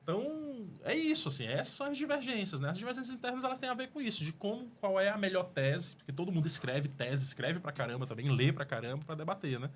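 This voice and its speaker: A man's voice: high voice, animated, fast, hardly any pauses. Man, Cearense accent, earnest rambling interview guest, faint background noise. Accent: Cearense Portuguese. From Fortaleza, Brazil. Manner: earnest, rambling with restarts and frequent "né?". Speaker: mayoral pre-candidate guest. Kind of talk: studio interview answers. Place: podcast studio.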